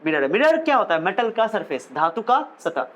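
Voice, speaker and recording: Young male physics teacher with a high voice, chatty, asks and answers his own questions. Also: big pitch swings, brisk, fairly bright tone, rough recording. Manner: asks questions and answers them himself, mixes in English terms; chatty, jokey asides. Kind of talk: classroom lecture.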